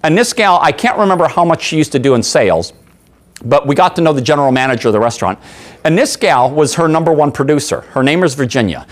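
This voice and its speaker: A man training a room of workers, telling anecdotes with lively acted voices and quizzing the audience. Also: on the high side, fast. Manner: animated storyteller, acts out voices, asks the audience. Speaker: sales trainer. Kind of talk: seminar talk with acted anecdotes.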